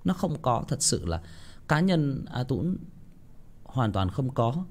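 A man's voice: mid-range voice, slow pace. A man, giving relationship advice in a casual monologue full of rhetorical questions. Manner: animated, with frequent rhetorical questions.

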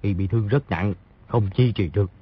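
A man's voice: lowish voice, a little fast, slight background noise, lightly acted. A man voicing a cocky, greedy smuggler thug in an audiobook, with a sneering way of talking. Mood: gloating. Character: two male salt-smuggler thugs, greedy, cocky. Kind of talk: audiobook character voice. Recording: dry, slightly dull lo-fi audio.

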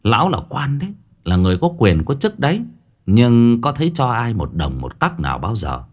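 Husky male storyteller with a lively voice. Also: medium pitch, moderate pace. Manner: vivid, dramatic storytelling with coarse folk speech. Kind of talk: ghost story narration.

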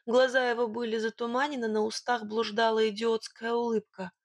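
A woman narrating a first-person storybook in a lively, expressive way. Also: fairly high pitch, brisk, no echo. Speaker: audiobook narrator.

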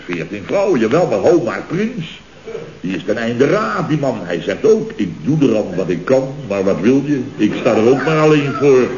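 An actor playing a chatty, boastful boss of a construction firm in a 1960s radio comedy, talking in rambling, jovial asides. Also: male voice, mid-range voice, very animated, normal speed, a crowd in the background, natural voice. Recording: dull, roomy old radio recording.

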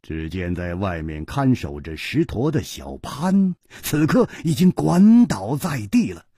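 Male traditional storyteller; husky, unhurried, lively pitch, dry. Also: no room sound. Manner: expressive, swinging between loud and hushed.

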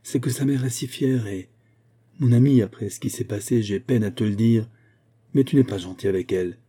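A man reads a lovesick young nobleman, earnest and a little embarrassed. His voice stays low and warm, with a husky grain. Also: normal speed. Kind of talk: audiobook character reading.

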